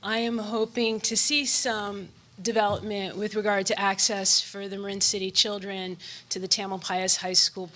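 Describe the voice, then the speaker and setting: A woman's voice: medium pitch, bright, forceful tone. A woman making a public comment at a school board meeting, a little out of breath, earnest and apologetic, with frequent hesitations.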